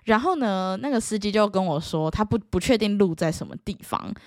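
A young vlogger with a Taiwanese Mandarin accent speaks a little fast, straight to camera, sounding casual and exasperated. Her pitch leaps around as she animatedly acts out the dialogue in her stories. The recording is close and dry, with no echo or room sound.

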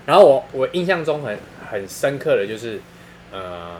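A man's voice: mid-range voice, very animated, normal speed, over a noisy crowd. A man with a Taiwanese Mandarin accent telling funny stories in casual chat, laughing often and using crude slang.

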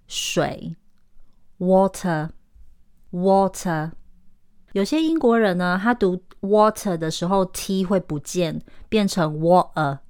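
A woman teaching an English lesson in a podcast, explaining clearly and sounding out careful English examples on a close mic. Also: fairly low pitch, darkish tone.

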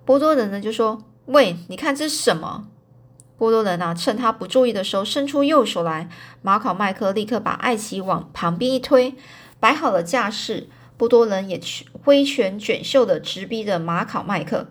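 A woman's voice: medium pitch, lively intonation, moderate pace. A woman narrating a storybook in a loose, casual way, with fillers and self-corrections.

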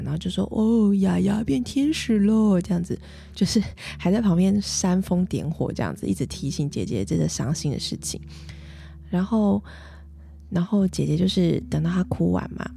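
A woman, gently and reflectively telling a personal story as a mother, with many soft fillers. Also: on the low side, gravelly. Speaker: mother and vlogger.

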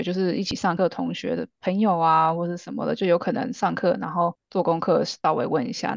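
A young woman with a low, gravelly voice co-hosting a casual podcast. Her talk is relaxed and thoughtful. The sound is dry and a little dull, like a lo-fi recording. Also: no echo. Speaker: podcast co-host.

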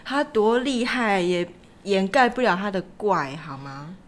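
A young woman, co-hosting a podcast and complaining in animated casual chat. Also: mid-range voice, measured pace. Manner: animated complaining, frequent fillers. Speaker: podcast co-host.

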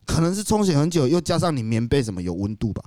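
Male podcast co-host, Taiwanese accent, rapid and animated delivery, casual frank chat, very dry close sound. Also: a little high, dry recording. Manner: colloquial, drops in English words.

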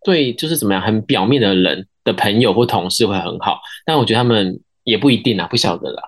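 A woman's voice: very deep voice, animated, quick pace, husky. A woman with a Taiwanese accent co-hosting a casual podcast, chatting in a joking manner. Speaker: podcast co-host.

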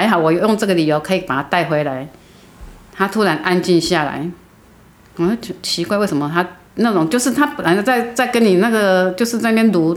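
A middle-aged woman from Taiwan, a guest telling a personal story earnestly, with halting restarts. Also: mid-range voice.

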